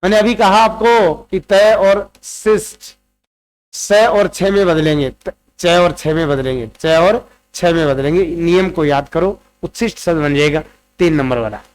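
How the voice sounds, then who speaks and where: A man's voice: high-pitched, measured pace. A man teaching a Hindi grammar lesson for exam preparation, quizzing students and repeating each answer several times. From Rajasthan, India. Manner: repeats answers, drills word forms aloud; addresses students directly, quizzing them.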